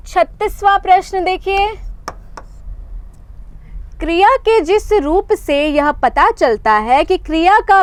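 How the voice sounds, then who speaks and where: A young woman leads a live online exam-prep class in a very high voice. She explains patiently, repeats key points and keeps asking the viewers to confirm. The sound is dry and close. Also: no echo. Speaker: teacher.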